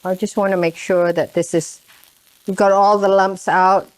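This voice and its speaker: A woman from Indonesia demonstrates a recipe on her cooking show, chatting as she goes and repeatedly asking "right?" while a pan sizzles behind her. Her voice is medium-pitched and level, delivered at a normal speed.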